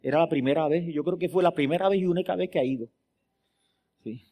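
A man preaching a sermon as pastor, moving between loud emphatic declarations and hushed storytelling, often putting questions to the congregation. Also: fairly high pitch, fast. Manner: asks the congregation rhetorical questions.

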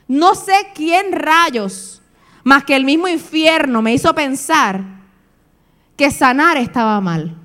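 A woman preacher delivering a sermon, animated and swinging between soft and loud. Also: a little high.

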